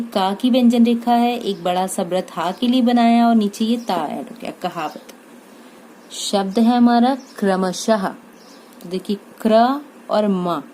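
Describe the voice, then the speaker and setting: A woman with an Indian accent teaching shorthand step by step, spelling out each word sound by sound and pausing often to check understanding. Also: mid-range voice, warm tone, a little hiss or hum, rough recording. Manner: slow and deliberate, spelling out words sound by sound, frequent "ठीक है" checks. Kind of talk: step-by-step tutorial.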